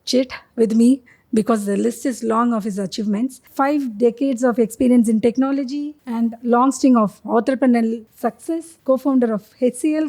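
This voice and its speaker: A middle-aged woman with an Indian accent presents as an interview host. Her voice sits fairly high but has a mellow, dark-edged tone. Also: low-quality recording. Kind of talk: scripted introduction and interview questions.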